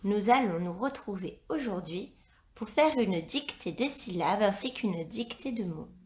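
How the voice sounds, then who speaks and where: A woman teacher reading a dictation for young pupils, pronouncing each syllable and word slowly and carefully. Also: mid-range voice, expressive, a little mellow. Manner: slow, carefully articulated dictation. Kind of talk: classroom dictation lesson. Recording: echoey room.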